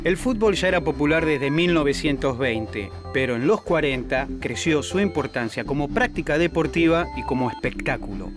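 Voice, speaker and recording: A man reading a scripted educational narration in a steady, informative way. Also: fairly high pitch, moderate pace, few pauses. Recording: music bed under the voice.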